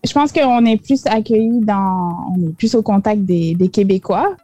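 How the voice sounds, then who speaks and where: A young woman from France, guesting in an interview, speaks with a French accent tinged by Quebec. Her mid-range, dark-toned voice moves at normal speed, hesitant, with many fillers and restarts. The recording is dry, with faint music behind her.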